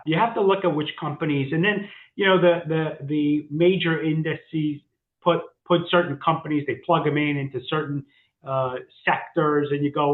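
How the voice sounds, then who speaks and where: Echoey phone-line man talking markets. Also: a little high. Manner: halting, many restarts and fillers. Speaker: co-host, financial advisor. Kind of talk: casual market discussion.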